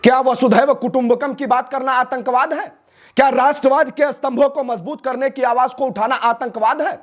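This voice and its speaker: Fiery high-voiced man declaiming. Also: steady tone, normal speed. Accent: Awadhi Hindi. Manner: fiery, declamatory, rhetorical questions. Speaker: nationalist speaker, guest. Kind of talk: impassioned interview answers.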